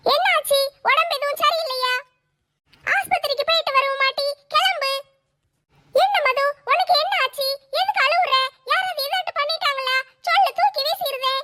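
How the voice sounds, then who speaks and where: A woman's voice: very high voice, normal speed, sharp tone. A woman voicing a bold, bossy older sister who scolds and reassures in a brash way.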